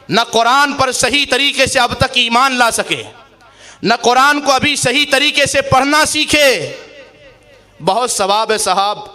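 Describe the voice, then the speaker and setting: A male preacher with a very high, ringing voice delivers an impassioned sermon. He swings from emphatic shouts to hushed, earnest lines and slows down to recite Arabic verses. His tone stays sharp and forceful throughout. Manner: impassioned, rising to shouts and dropping low. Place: mosque or madrasa gathering.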